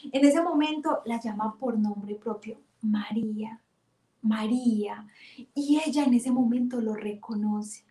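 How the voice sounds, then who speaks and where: Woman teaching with lively storytelling. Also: on the high side, moderate pace, hardly any pauses, echoey room. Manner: warm, animated storytelling with emphatic retellings.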